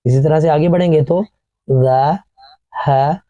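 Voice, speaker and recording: A man with a Pakistani Urdu accent teaching Quran reading in an online class, sounding out each syllable slowly and repeating it. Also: a little high, mellow, dry recording, dull audio.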